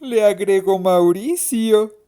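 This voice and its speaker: A woman narrating a mystery story in a slow, expressive, suspenseful reading. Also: mid-range voice.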